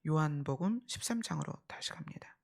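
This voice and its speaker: A woman pastor preaching a sermon, swinging between raised emphasis and hushed whispers. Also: low voice, expressive, brisk, vocal fry.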